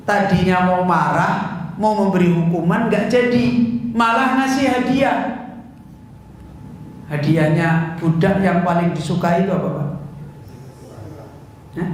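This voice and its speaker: Echoey distant male preacher. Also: extremely high pitch. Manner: conversational, asks the audience questions and answers them. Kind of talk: sermon. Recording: echoey room, voice from far off.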